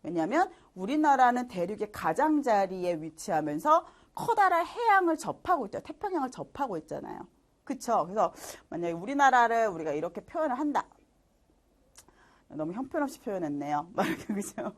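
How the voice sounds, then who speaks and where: A woman's voice: mid-range voice, very animated, fairly quick. A woman teaching a middle school science lesson online, chatty, often asking her students rhetorical questions and laughing at herself. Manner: laughs at herself while drawing. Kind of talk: online lecture.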